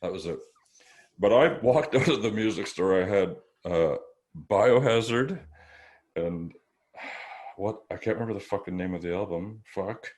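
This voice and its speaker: A man's voice: fairly low pitch, measured pace, darkish tone. A man co-hosting a podcast, chatting casually, swearing and laughing often. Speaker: podcast co-host. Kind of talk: casual chat.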